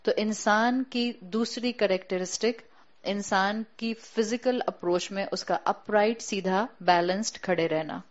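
With a mid-range voice and lo-fi sound, a woman teaching the Quran lectures a class of women on religion. She takes a patient approach, lingers on key words to stress them, and blends English terms into her explanation.

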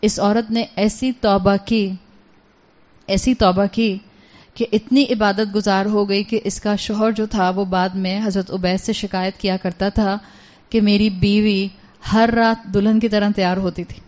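Woman religious speaker, earnest and exhorting, mid-pitched voice, muffled lo-fi sound. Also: steady tone, darkish tone. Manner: earnest, exhorting, mixes English words into her speech. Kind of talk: religious lecture with storytelling. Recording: dull lo-fi recording.

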